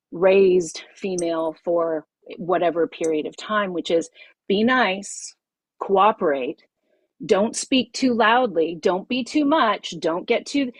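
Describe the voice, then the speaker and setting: A middle-aged yoga teacher leads a group masterclass over a video call, speaking emphatically and expressively and repeating her key phrases. Her voice is mid-range, with no room sound.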